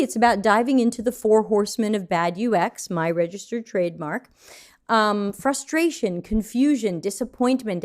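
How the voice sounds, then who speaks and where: A woman's voice: mid-range voice, darkish tone. An American woman teaching a live online design lesson in a chatty, conversational way, answering viewer questions as she goes. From United States.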